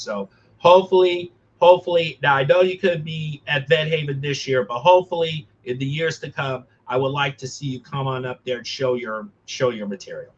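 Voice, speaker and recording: A man talking earnestly as a podcast host, emphatic and halting, often repeating his phrases. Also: medium pitch, lo-fi sound. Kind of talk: earnest conversational talk.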